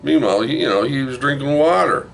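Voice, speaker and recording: A man's voice: medium pitch, animated, fast talker, gravelly, a bit bright, a little hiss or hum. An older man hosting a movie review video, retelling a film in a casual, rambling, profane way with frequent asides to the listener.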